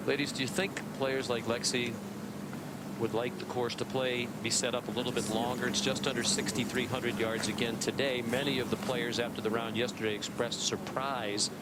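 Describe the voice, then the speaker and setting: A man's voice: medium pitch, flat delivery, moderate pace. A man working as a golf commentator, announcing players and hosting broadcast coverage. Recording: loud outdoor ambient noise behind the voice.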